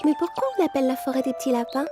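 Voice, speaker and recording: A woman's voice: high-pitched, rapid-fire, music in the background, close to an everyday voice. A woman voicing a sweet, naive, polite little girl in a children's cartoon fairy tale. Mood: innocent, cheerful. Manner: innocent, polite. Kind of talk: children's storybook cartoon acting.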